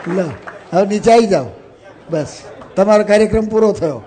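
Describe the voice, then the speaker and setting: Religious speaker, male, high-pitched, steering an assembly through a ritual with a murmuring audience nearby. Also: moderate pace, some chatter behind, a little hiss or hum. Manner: instructive, mixes English phrases into speech; directs children gently, with light laughs. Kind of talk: sermon with guided ritual. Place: stage before an audience.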